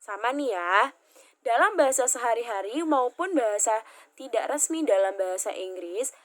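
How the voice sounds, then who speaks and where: A young woman with an Indonesian accent teaches English articles in a slightly high voice. She says each example word twice and spells it out letter by letter, like a patient classroom teacher. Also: expressive, normal speed, fairly bright tone. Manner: repeats and spells out example words. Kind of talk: classroom grammar lesson.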